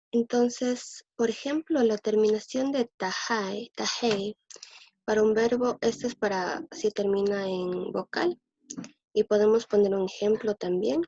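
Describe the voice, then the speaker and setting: A woman teaching a language lesson, explaining patiently and thinking aloud, repeating words slowly so they can be copied. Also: medium pitch, dark tone, a little hiss or hum. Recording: dull lo-fi dry recording.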